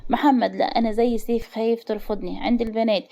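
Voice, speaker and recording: A woman's voice: fairly high pitch, steady tone, quick pace, dark tone, close to an everyday voice. A woman with an Egyptian accent voicing a shy young man who comforts his friend. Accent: Egyptian Arabic.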